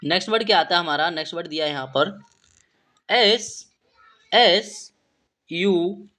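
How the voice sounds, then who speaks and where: A man's voice: a little high, very fast, bright, forceful tone. Man teaching English words, patient and repetitive. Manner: spells words letter by letter, repeats each meaning with "ठीक है". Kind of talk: spoken vocabulary lesson.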